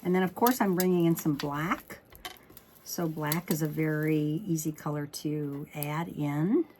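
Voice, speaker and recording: A woman hosts an informal craft tutorial on card-making, chatting and thinking aloud as she goes. Her voice is low-pitched and slightly froggy, fairly even in intonation and unhurried, with a noisy background behind her.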